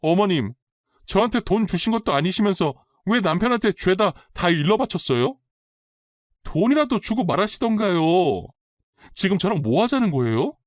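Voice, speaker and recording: A man's voice: medium pitch, sing-song, normal speed, a little mellow, no room sound, studio quality, natural voice. A man voicing a demanding young daughter-in-law who talks insistently and defiantly, for a dramatized story reading.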